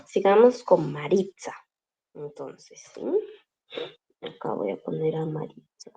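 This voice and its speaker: A woman's voice: low voice, expressive, slow pace, warm tone, slightly rough, dull audio. A woman teaching a language class over a video call, explaining patiently step by step and checking in with her students often.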